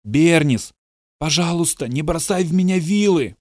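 A man's voice: a little high, lively intonation, normal speed, dry recording, clean studio sound, voice pushed up, close to an everyday voice. A man doing a pleading young woman. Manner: pleading, urgent. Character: anxious gentle young woman journalist. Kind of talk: audiobook dialogue reading.

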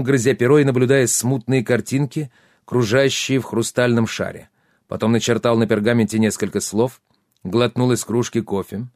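A man giving steady, measured scripted narration of a fantasy audiobook. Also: mid-range voice, no echo, clean studio sound.

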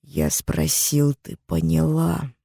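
Brief: woman reader as a vicious armed man, slow menacing threats, dry close sound. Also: sits low, steady tone, vocal fry, darkish tone, no room sound. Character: brutal armed male kidnapper, cruel and vicious.

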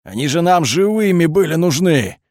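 A man voicing a gruff, irritable male security colonel who barks his orders with exasperation. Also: medium pitch, big pitch swings, normal speed, darkish tone, no room sound, studio quality. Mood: shouting. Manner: barking, exasperated.

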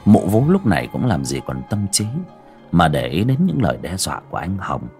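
A man's voice: sits low, sing-song, fairly quick, gravelly, darkish tone, faint music behind. A man narrating a horror audiobook with dramatic storytelling.

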